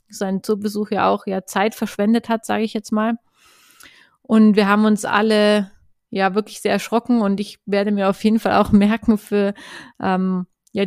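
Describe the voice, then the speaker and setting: A woman's voice: medium pitch, a little mellow, no room sound, clean studio sound. A woman, hosting a solo podcast in an earnest, hesitant way with many restarts. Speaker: podcast host. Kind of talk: casual solo podcast talk.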